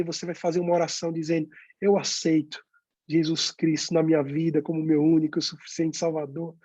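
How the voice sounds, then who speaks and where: Pastor, high husky voice, lively storyteller acting out dialogue, dry muffled recording. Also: male voice, no room sound. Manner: storytelling, acts out dialogue, pauses with "né?". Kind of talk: testimony in a youth talk.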